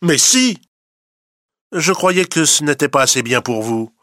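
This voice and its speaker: Dude doing a nervous hungry cat, high and loud, kinda jumpy, bright tone. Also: male voice, measured pace, no room sound, studio quality. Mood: eager. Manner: timid yet eager, excitable. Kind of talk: storybook reading.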